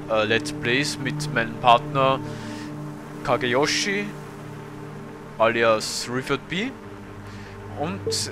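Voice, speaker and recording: Medium in pitch, an Austrian man in his 30s gives casual gameplay commentary as a let's play host. He hesitates often and leans on fillers, and background noise can be heard.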